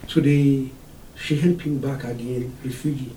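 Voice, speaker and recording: A man speaking as a radio guest in halting, broken phrases. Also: mid-range voice, steady tone, mellow. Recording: distant roomy mic with faint noise.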